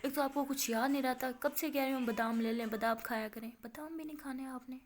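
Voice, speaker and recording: A woman voicing a sassy, chatty teenage college girl who talks quickly and argues playfully. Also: high voice, steady tone, natural voice. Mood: teasing.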